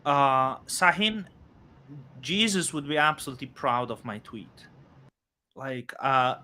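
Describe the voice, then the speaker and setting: A man in his thirties hosting a casual crypto chat, halting with many fillers and restarts. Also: mid-range voice, pushed and bright. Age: 30s. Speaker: host.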